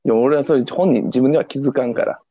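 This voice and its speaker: A man's voice: medium pitch, racing, warm tone, dry recording, highs cut off. A young man with a Kansai accent co-hosting a casual podcast, teasing and laughing often. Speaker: podcast co-host. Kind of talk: casual chat.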